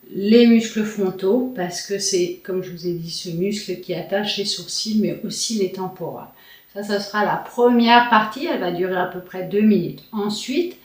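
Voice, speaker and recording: A woman explaining exercises as a face yoga instructor, informal and chatty in her delivery. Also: mid-range voice. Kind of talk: explanatory tutorial talk. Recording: roomy echo, distant mic, music.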